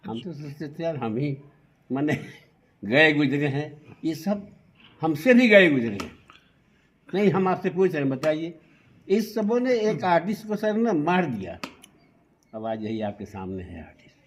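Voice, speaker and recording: A man's voice: fairly high pitch, very animated, measured pace, long pauses, a little hiss or hum. A middle-aged man with an eastern Uttar Pradesh Hindi accent, telling his story in an interview and putting earnest rhetorical questions to the interviewer. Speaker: singer and actor, interview guest.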